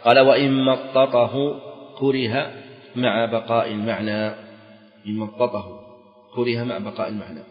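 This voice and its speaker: Male religious teacher, measured lecture, repeats key phrases, echoey hall, dull lo-fi sound. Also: mid-range voice, fairly even intonation. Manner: repeats key phrases for emphasis, sing-song stresses. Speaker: teacher of Islamic jurisprudence. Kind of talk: classroom lecture explaining a text.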